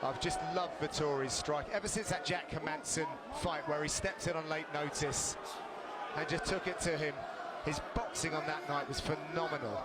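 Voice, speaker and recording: High-pitched male fight commentator over roaring crowd. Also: steady tone, normal speed. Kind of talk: live play-by-play sports commentary. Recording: very loud crowd and arena noise. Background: roaring arena crowd.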